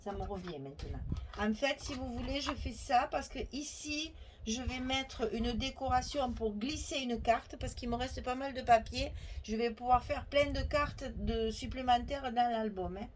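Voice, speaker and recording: A woman's voice: on the high side, moderate pace, slight background noise, poor audio. A woman with a Provençal French accent hosting a chatty, step-by-step scrapbooking tutorial, thinking aloud and correcting herself as she goes.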